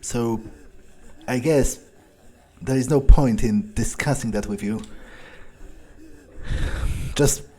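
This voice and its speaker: A gameplay video creator thinks aloud in character while playing, in an understated, musing manner. His voice is mid-range with a dark tone, and he speaks slowly, pausing often.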